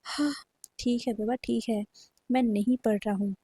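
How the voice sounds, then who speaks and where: A woman's voice: on the high side, fairly even intonation, normal speed, dark tone, slightly rough, no echo. A woman voicing a mischievous young man who teases and banters in an easy, mocking way. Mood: teasing. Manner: teasing, bantering.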